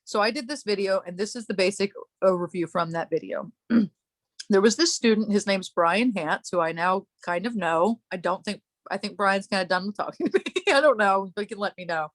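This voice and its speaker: A woman's voice: medium pitch, moderate pace, dry recording. A woman hosting a casual chat, telling a long story in a rambling way, breaking off and laughing often. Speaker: podcast host.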